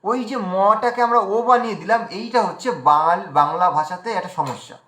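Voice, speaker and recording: A man with a Bengali accent teaching Sanskrit pronunciation in an online class, spelling out letters slowly and explaining each sound. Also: high voice, lively intonation, fairly bright tone, reverberant, a little hiss or hum. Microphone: video call.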